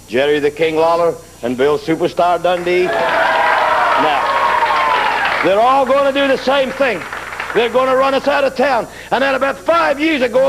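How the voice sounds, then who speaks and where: A man trash-talks his rivals in a cocky wrestling promo. His voice is high and gravelly. He leans on "brother" and "punk" as he goes, over faint background noise. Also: fairly bright tone, poor audio. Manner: brash trash talk, keeps saying "brother".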